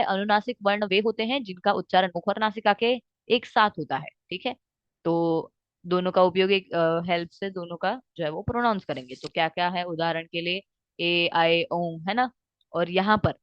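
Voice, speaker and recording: A woman with a fairly low voice teaches Sanskrit grammar for exams at a normal pace, mixing English words into her Hindi and stretching vowels to show their sounds. She checks often that students follow, asking "ठीक है" and "आ गई बात समझ में?" The recording is dry with no room sound, and the highs are cut off.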